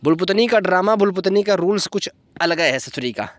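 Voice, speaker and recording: A man's voice: sits high, expressive, a little fast, a bit bright, dry recording. A playful man from India talks, coaxing and teasing his pet dogs. He chats casually to his viewers as a vlogger, out of doors, and dogs bark around him. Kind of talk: casual vlog talk. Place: outdoors in the desert with dogs.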